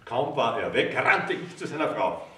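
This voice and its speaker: A man reading a cabaret story in a wry, lively storytelling manner. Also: mid-range voice, moderate pace. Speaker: reader. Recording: roomy hall, distant mic.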